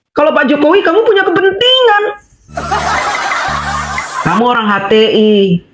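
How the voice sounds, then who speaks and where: A woman vlogger ranting in an angry monologue, scolding and mocking her target with repeated taunting questions. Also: medium pitch. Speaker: political vlogger. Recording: echoey room with clear background noise.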